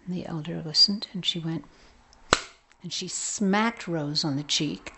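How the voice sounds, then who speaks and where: Slow, gravelly woman storyteller. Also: fairly low pitch, a little hiss or hum. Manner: slow, gentle, with hushed whispered asides. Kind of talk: oral storytelling.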